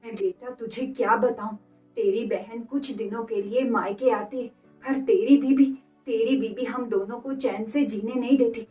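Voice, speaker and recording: Woman putting on a bossy mother-in-law, shrill and scornful, kinda high, echoey room far from the mic. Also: steady tone, unhurried, dark tone, soft background music, natural voice. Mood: complaining. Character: harsh scolding middle-aged mother-in-law.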